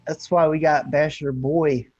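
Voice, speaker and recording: A man in his late thirties hosts a casual livestream, reading the chat aloud and laughing often. His voice sits a little high. The sound is dry and dull, with a lo-fi edge. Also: fairly even intonation, a little slow, a little mellow, no echo. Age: 30s. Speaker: livestream host.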